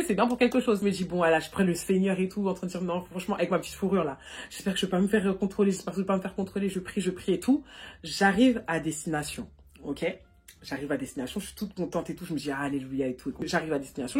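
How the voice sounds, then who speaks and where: A young woman vlogger telling a personal story in a casual storytime monologue, animated and full of fillers, recorded on a phone. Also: lowish voice, breathy edge. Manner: rapid and animated, full of fillers like "et tout" and "du coup".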